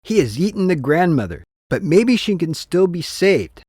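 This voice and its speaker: A man's voice: high-pitched, very animated, normal speed, a little mellow, breathy edge, no room sound, clean studio sound, pitched above the performer's own voice, full character voice. A man voicing an earnest grown hunter thinking aloud, in a classroom storybook reading. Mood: resolved. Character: determined grown male hunter.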